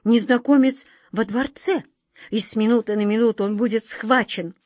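A woman's voice: a little high, moderate pace, no echo, clean studio sound, close to an everyday voice. A woman voicing a pale, timid male courtier speaking apologetically to his king. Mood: anxious. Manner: hushed, apologetic.

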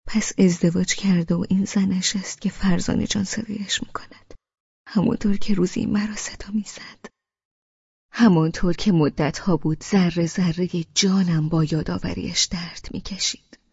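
A woman narrating an audiobook in the first person, in a hushed, intimate, half-whispered way. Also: fairly low pitch, creaky, husky, no room sound, lo-fi sound.

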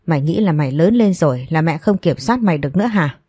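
A woman voicing a furious, abusive middle-aged mother who screams insults and scolds in an audio story. Her voice is low and dark. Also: lively intonation, quick pace, breathy edge, dry recording, studio quality. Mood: furious scolding.

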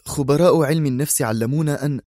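A man's voice: fairly high pitch, fast talker, a little mellow, no room sound, studio quality, pitched above the performer's own voice, close to an everyday voice. A man putting on a tense, worried agent. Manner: nervous, pleading, raised voice. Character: tense male intelligence aide, worried.

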